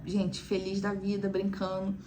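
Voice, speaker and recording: A woman's voice: mid-range voice, monotone, a little slow, mellow, a little hiss or hum. A young woman, chatting casually to viewers as a mother recounting her experience, with frequent "né" asides. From Brazil. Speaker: mother telling her weaning story.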